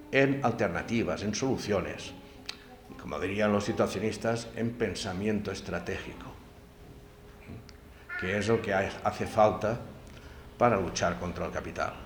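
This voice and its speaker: With a rather low voice at normal speed, a man lectures publicly at a library event, speaking emphatically and often adding tag questions. There is strong echo from the room and faint noise in the background.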